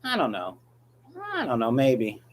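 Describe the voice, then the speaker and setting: A man's voice: medium pitch, huge pitch swings, measured pace, slight background noise. A man hosting a casual livestream, reading viewer questions and answering them in a blunt, offhand way. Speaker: livestream host, aquarium fish breeder.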